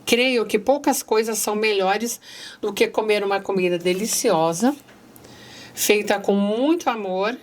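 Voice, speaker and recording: A woman's voice: medium pitch, measured pace. A middle-aged woman with a Brazilian accent, speaking earnestly as a guest, reading passages aloud and addressing listeners directly.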